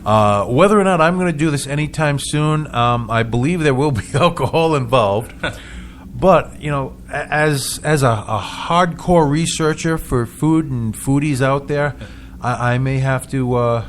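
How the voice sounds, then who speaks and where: A man's voice: medium pitch, a little slow. Chatty male radio host with faint hiss. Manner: chatty, stumbling restarts, chuckles often. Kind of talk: casual radio chat.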